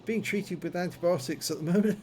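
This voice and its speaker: A man's voice: sits high, a little fast, a little mellow, slight background noise. A man giving running commentary on a video game, his speech slightly impeded by a numb, toothache-swollen jaw. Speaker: gameplay commentator.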